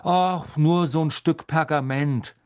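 A man's voice: fairly high pitch, slow pace, a little mellow, clean tone, pitched above the performer's own voice. A man voicing a frightened teenage schoolboy who answers tensely and defensively. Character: frightened teenage schoolboy trying to stay calm.

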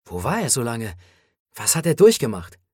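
A man's voice: medium pitch, huge pitch swings, moderate pace, a little mellow, breathy edge, dry recording, studio quality. A man reading an audiobook voices an agitated, worried man who keeps pressing with questions.

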